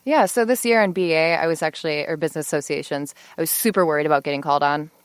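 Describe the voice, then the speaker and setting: A woman's voice: deep voice, rapid-fire, clear, resonant tone, dry recording. A woman in her twenties, a law student, chatting as a podcast guest with lots of fillers and easy laughs. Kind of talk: casual podcast interview.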